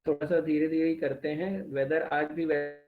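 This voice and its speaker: A man's voice: fairly high pitch, flat delivery, moderate pace, narrow, tinny audio, faint music behind. A man teaching an online class over a video call, his voice choppy and dropping out as the connection fails. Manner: calls students "beta", asks them questions. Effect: choppy, dropping-out online call audio.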